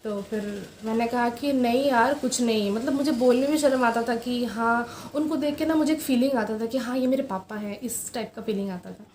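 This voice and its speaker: A young woman vlogging from home, telling a personal story in a soft, hesitant way with many fillers. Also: on the high side, normal speed, few pauses. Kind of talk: personal confessional vlog. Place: room at home. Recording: roomy echo, faint background hiss.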